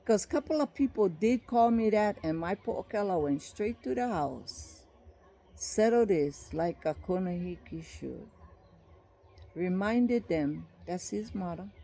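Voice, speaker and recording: Gravelly older woman with Hawaiian Pidgin. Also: medium pitch, expressive, unhurried, mellow. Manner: heated, profane, blunt storytelling. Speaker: vlogger recounting a dispute. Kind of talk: angry monologue vlog.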